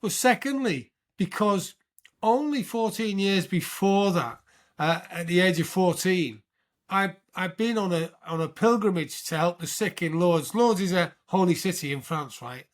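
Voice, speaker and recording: A British man in his sixties tells his story as a guest on an interview show, his voice pitched high. He talks in an animated way and often checks in with the listener. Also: unhurried. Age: 60s. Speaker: podcast guest, military veteran.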